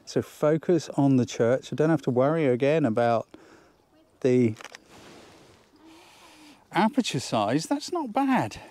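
A man's voice: medium pitch, unhurried, pauses often, dark tone, a little hiss or hum. A man giving an enthusiastic, chatty photography lesson outdoors on a countryside hillside, thinking aloud as he works. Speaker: photography tutor. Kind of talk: instructional outdoor vlog.

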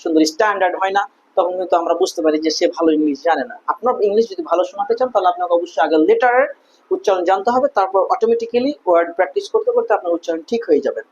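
A husky, somewhat breathy voice of a pronunciation teacher, patiently saying each sound again and again. The pitch sits in an ordinary middle range. The recording is dull and lo-fi. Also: rapid-fire, a little mellow. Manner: patient, repeats each sound several times. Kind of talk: spoken language lesson.

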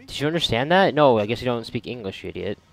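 Over video game music and sound effects, a man gives rambling, sarcastic, foul-mouthed commentary on his gameplay. His gravelly mid-range voice is quick and lively in intonation.

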